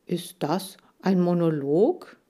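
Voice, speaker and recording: A woman voicing a clever, calm male hamster who explains things in a measured, dry way. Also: on the low side. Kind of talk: audiobook character voice.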